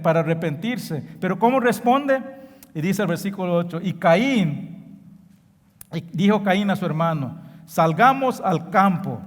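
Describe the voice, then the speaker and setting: A man's voice: a little high, long reverb tail. A man preaching a sermon with passion, stressing key phrases and sometimes repeating a word as he searches for the next. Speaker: pastor. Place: church sanctuary.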